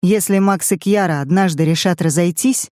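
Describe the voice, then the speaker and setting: An audiobook reader narrating a family drama in measured, even storytelling. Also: medium pitch, dry recording, studio quality. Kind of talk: scripted narration.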